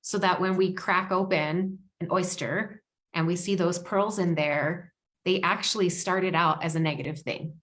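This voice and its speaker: A woman's voice: on the low side, steady tone, unhurried, fairly bright tone. A woman guest speaking earnestly in an interview, often repeating words for emphasis. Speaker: podcast guest. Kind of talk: heartfelt interview conversation.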